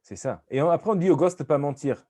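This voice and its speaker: A man's voice: fairly high pitch, lively intonation, fast talker, warm tone, dry recording. A man from Portugal riffing as a comedian in loose, jokey chat, rambling and dropping into playful mock voices.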